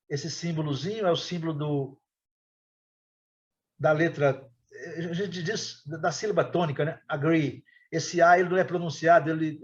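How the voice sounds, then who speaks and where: A man teaching an English class online, explaining slowly with many hesitations and repeated words. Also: on the high side, lo-fi sound.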